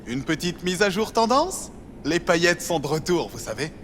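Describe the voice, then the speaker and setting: A man's voice: on the high side, big pitch swings, normal speed, a bit bright, in a large hall, slight background noise. A man playing an effete boutique salesman in a video game, gushing and genteel with affected grande dame airs.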